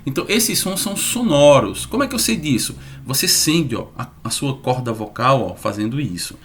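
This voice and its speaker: A man teaching an online lesson, lively and repeating sounds slowly to demonstrate them. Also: mid-range voice, a little hiss or hum.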